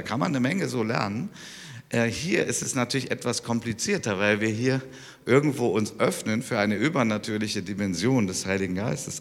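A man's voice: on the low side, gravelly, a bit bright. A man preaching a sermon in a conversational, emphatic way, his stresses rising as he presses a point. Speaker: pastor. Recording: long hall reverb.

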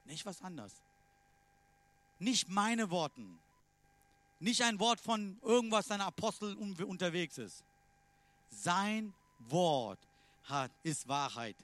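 A man preaching a sermon in non-native German phrasing, emphatic, swinging between loud declarations and quiet asides. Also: high voice, very animated, slow pace, pauses often, no echo.

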